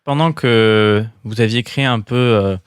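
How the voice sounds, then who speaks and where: A man runs a tabletop role-playing game, describing scenes and calling for rolls as he goes. His voice sits at a middle pitch and is recorded very dry. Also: unhurried, clean tone, no room sound. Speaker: game master. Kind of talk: improvised tabletop game narration.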